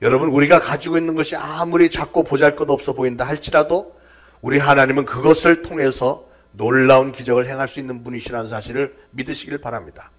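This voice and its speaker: A man preaching a sermon as pastor, building to emphatic peaks and dropping to quiet, near-whispered endings. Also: mid-range voice, fairly even intonation, fast.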